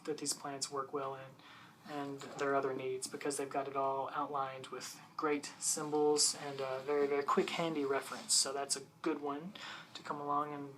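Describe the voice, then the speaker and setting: A person doing an ASMR role-play as a patient, bookish librarian, softly and hesitantly explaining books to a visitor in a unhurried library soft voice. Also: mid-range voice, level tone, slight background noise, low-quality recording. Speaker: librarian showing gardening books.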